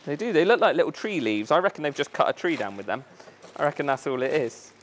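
A man's voice: fairly high pitch, big pitch swings, quick pace. Chatty man unboxing plants. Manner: chatty, enthusiastic, thinks aloud, stumbles over plant names. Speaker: fish shop owner and video host. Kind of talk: casual unboxing vlog. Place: inside an aquarium shop.

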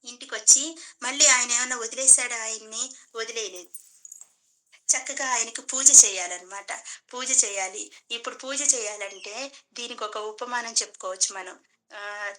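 Woman teacher, devotional story lesson, lively, everyday examples, very bright voice. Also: a little high, rough recording.

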